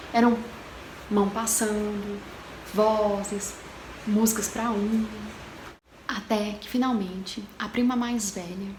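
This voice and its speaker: A woman telling a haunting story in a casual, chatty way, talking straight to her viewers and dropping to a hushed tone for the eerie parts. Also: medium pitch. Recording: echoey room with background noise.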